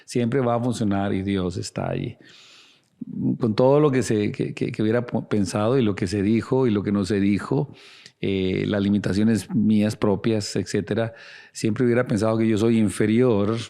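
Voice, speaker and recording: A man's voice: lowish voice, moderate pace, creaky, dark tone. A man preaching a sermon as a pastor, earnest and speaking straight to the listener with direct questions. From Latin America.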